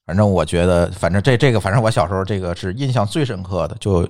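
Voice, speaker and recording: A man's voice: low-pitched, fast talker, a little mellow. A middle-aged man with a northern Chinese Mandarin accent, chatting casually and explaining things in an opinionated, emphatic way. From northern China. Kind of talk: casual chat.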